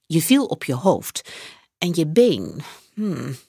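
A woman voicing a kind old man neighbor who speaks gently and with concern, in a children's audiobook. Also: sits low, sing-song, slow, creaky, breathy edge, dry recording, studio quality, heavily acted.

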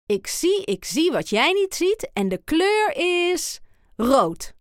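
A woman voicing an eager, cheerful female hen with a chirpy, excited manner, in a children's storybook. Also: sits high, slow pace, no room sound, studio quality, pitched above the performer's own voice, exaggerated voice.

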